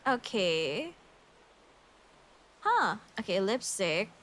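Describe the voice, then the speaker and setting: This streamer, a young woman from the Philippines, has a medium-pitched, fairly bright voice with a sing-song lilt, and she speaks extremely slowly. Her Filipino English comes out casual and giggly as she thinks aloud on a game livestream.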